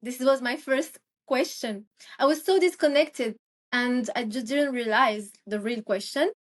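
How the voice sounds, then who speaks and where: A woman's voice: on the high side, measured pace. Hesitant young woman from Morocco. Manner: hesitant, many fillers and restarts. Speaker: guest, Ayurvedic practitioner. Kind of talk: casual interview conversation.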